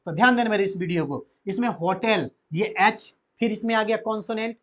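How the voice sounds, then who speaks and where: A man's voice: high voice, brisk, fairly bright tone. A man teaching a grammar lesson to children, asking them questions and answering them himself.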